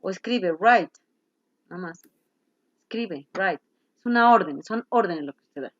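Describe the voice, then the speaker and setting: A woman's voice: lowish voice, expressive, moderate pace, no room sound, dull audio. A woman teacher explaining grammar to a class, patiently checking in with her students as she goes. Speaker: English teacher.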